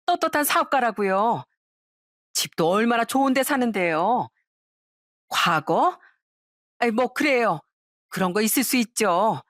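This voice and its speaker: A woman's voice: medium pitch, no room sound, clean studio sound, close to an everyday voice. A woman voicing a shameless, pushy middle-aged ex-wife. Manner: pushy, self-assured.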